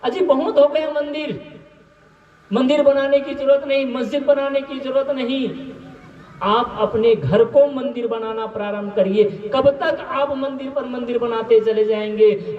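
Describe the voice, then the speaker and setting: A man's voice: very high-pitched, darkish tone, distant mic. A male preacher giving a devotional sermon, urging his listeners and often laughing as he talks. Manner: exhorting, often laughing as he speaks. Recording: echoey, dull, from off-mic.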